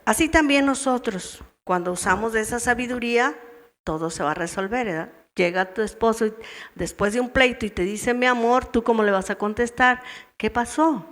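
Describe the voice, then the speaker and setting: A woman's voice: a little high, fairly quick, a bit bright. A woman with a Mexican Spanish accent teaching a women's church meeting, asking her listeners question after question and acting out wives' replies. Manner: asks the audience many questions, acts out wives' replies. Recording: long hall reverb in a church.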